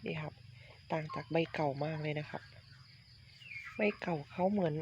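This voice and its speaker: A man's voice: on the high side, flat delivery, normal speed. A man casually showing his garden plants to viewers, chatty and polite, often repeating himself and calling viewers his friends. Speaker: vlogger, home durian grower. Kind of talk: casual show-and-tell vlog. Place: outdoors in a rural garden. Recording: dull lo-fi phone audio, loud outdoor noise and roosters. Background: roosters, chickens and crickets.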